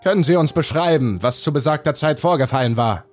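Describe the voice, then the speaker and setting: A man's voice: fairly high pitch, a little fast, soft background music, voice pushed up, lightly acted. A man playing a businesslike police interrogator who questions a witness formally in a horror audio drama. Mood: formal questioning. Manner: formal, probing.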